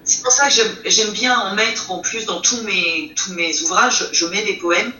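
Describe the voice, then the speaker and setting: A woman's voice: medium pitch, unhurried, bright, forceful tone. A woman author answering as an interview guest, explaining her own writing in a conversational way. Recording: echoey room, distant mic, faint noise.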